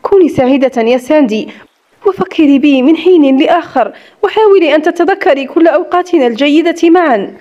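A woman's voice: high-pitched, lively intonation, brisk, warm tone, dull audio. A woman voicing a young widowed woman who speaks in a tired, sarcastic way, in an audiobook story. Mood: bitter. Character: young widowed woman, bitter, weary and hurt.

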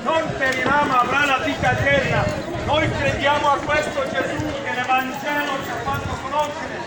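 A man's voice: very high-pitched, little pitch movement, moderate pace. A man preaching on the street, imploring passersby to convert. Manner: shouting, imploring. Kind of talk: open-air street preaching. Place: busy outdoor street market. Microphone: camera phone from a distance. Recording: roomy, distant, crowd noise.

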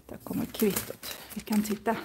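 A woman chatting casually to viewers as she browses and borrows books in a library, thinking aloud and reading titles out. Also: noisy background. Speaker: Swedish teacher and vlogger.

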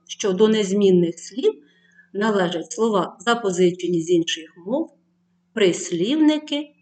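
A woman teacher speaks to pupils in an unhurried, deliberate way, setting each task plainly. She reads out lists of words one at a time, clearly and carefully, as if dictating. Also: mid-range voice, a little mellow. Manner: slow, clear dictation-like reading of word lists; addresses pupils directly with tasks and instructions. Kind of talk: distance-learning lesson for schoolchildren.

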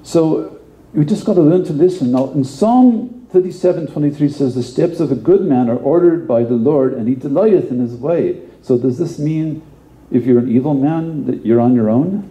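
A man's voice: fairly high pitch, moderate pace, warm tone, echoey room, rough recording. A male pastor giving a conversational sermon, often repeating words and adding asides.

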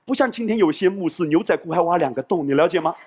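A man preaching a sermon with a husky, slightly breathy voice. His pitch swings widely as he talks in a conversational, storytelling way, and he slips into acted-out voices and asides. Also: lively intonation, fast, a little mellow. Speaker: pastor.

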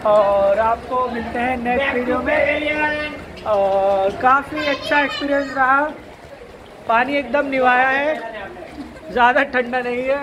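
A woman's voice: high-pitched, a crowd in the background, rough recording. A woman narrating a walking travel vlog from a rocky gorge, chatting to viewers and calling them guys. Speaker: vlogger. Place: outdoors in a rocky gorge with flowing water. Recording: loud rushing water noise behind.

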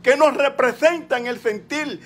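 A political commentator from the Dominican Republic, a man in his sixties with a Dominican Spanish accent, launches an impassioned political rant on a live call, hammering his points home by repeating words. His voice is extremely high-pitched and unhurried. He is filmed on a phone held at arm's length in a small room at his home.

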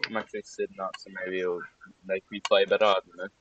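A man's voice: low voice, level tone, fast talker, fairly bright tone, slight background noise, poor audio. A man streaming a game and commenting casually, grumbling and mocking himself when he fails. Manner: frustrated, self-mocking, muttering asides while playing. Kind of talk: casual gaming livestream commentary.

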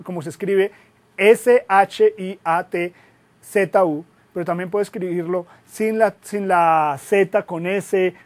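A man, a guest web consultant giving a classroom lecture, lively and asking rhetorical questions. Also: high-pitched. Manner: lively, asks rhetorical questions, jokes at himself.

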